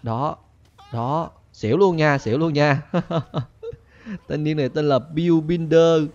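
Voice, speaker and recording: Young male gaming host, higher-pitched, excitable let's-play chatter over a dull lo-fi recording. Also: takes it slowly. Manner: chatty, laughing, frequent excited yelps.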